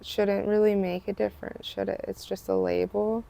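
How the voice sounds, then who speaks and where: A woman being interviewed on a podcast, speaking in a flat, heavily gravelly voice. Her tone is dark and mellow, and she keeps her replies quiet, plain and brief. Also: mid-range voice, normal speed. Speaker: podcast guest. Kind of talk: casual interview chat.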